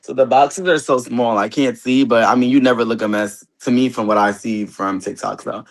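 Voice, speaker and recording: A man with a mid-range voice and fairly even intonation speaks at a moderate pace as the guest in a casual interview, heard via a phone on a video call. He's a celebrity stylist and reality show cast member from Queens and Harlem, New York, later Delaware. He's chatty and emphatic and repeats himself.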